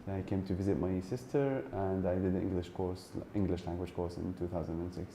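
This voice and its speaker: A man answers interview questions in a plain, unhurried way. His voice is deep and dark. The room sounds echoey, with faint noise behind. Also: steady tone. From Syria.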